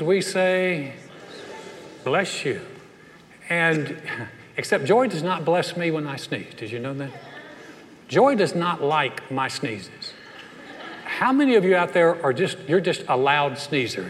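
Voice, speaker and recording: A man preaching a live church sermon, telling humorous anecdotes with frequent restarts. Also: on the high side. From Southern US, raised in North Carolina. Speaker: pastor. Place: church sanctuary, live service. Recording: long church hall reverb.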